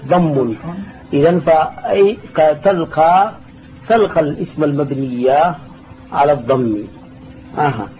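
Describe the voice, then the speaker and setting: Heard through faint hiss on a dull lo-fi recording, a sheikh walks students through an Arabic grammar text, patiently repeating key terms and answering their questions. His mellow voice sits on the high side, and he speaks unhurriedly with long pauses.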